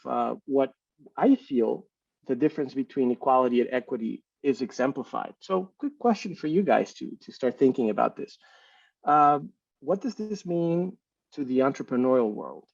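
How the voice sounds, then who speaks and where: A man's voice: medium pitch, dry recording. Man lecturing over dull, distant audio. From Ecuador. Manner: relaxed, conversational, many fillers. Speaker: small business center director. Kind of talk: webinar lecture.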